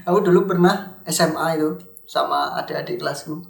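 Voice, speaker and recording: A man's voice: on the high side, fairly quick, vocal fry. A young man with a Javanese-tinged Indonesian accent, hosting a casual podcast chat and telling stories with a laugh in his voice. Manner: animated storyteller, laughs while telling. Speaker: podcast host. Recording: echoey room.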